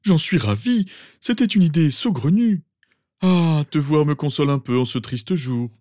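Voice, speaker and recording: A man voicing a pompous, sentimental old male wizard professor, with theatrical, drawn-out exclamations. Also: fairly high pitch, lively intonation, dark tone, no room sound, clean studio sound, natural voice. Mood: fussing. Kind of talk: fan audiobook reading.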